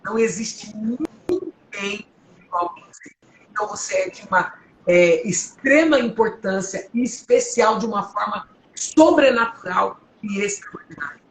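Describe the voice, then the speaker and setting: Woman, 50s, from Brazil; deep powerful voice, earnest preacher's testimony, echoey home room with faint hum. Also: animated, unhurried. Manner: earnest, emotional, exhorting listeners.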